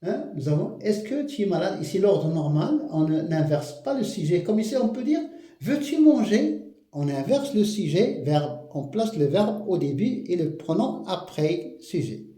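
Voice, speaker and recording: A man teaching a grammar lesson, explaining slowly and patiently, repeating his points. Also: fairly high pitch, big pitch swings, warm tone. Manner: slow, patient explaining with repetitions. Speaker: French teacher. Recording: echoey room.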